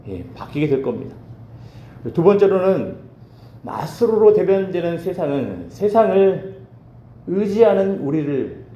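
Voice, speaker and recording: Male pastor preaching slow and measured, mellow tone, roomy echo, kinda muffled audio. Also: on the high side. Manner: measured preaching with rhetorical questions. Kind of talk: early-morning sermon and prayer. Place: church sanctuary. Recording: echoey church room, dull lo-fi sound.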